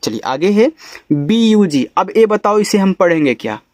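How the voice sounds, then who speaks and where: A man teaching English phonics to beginners, spelling letters out slowly and then saying each word lower. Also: sing-song, darkish tone, no echo. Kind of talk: phonics lesson explanation.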